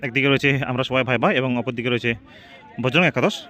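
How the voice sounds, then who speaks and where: A man calls a football match at a quick clip. He works as a play-by-play commentator, often repeating names and phrases. His pitch sits in an ordinary middle range for a man. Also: bright, forceful tone. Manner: repeats team names and phrases while following each shot. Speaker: football commentator and channel host.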